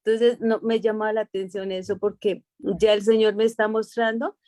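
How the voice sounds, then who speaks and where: A woman's voice: mid-range voice, level tone, normal speed, mellow. A woman in a Bible study group earnestly sharing a personal testimony. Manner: earnest, reflective, with fillers.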